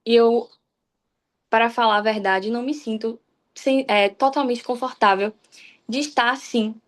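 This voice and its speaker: As a guest preacher on a church livestream, a young woman from Salvador, Bahia, in Brazil, offers a frank personal devotional, frequently starting her sentences over. Her voice is on the high side, her tone steady, her speed normal.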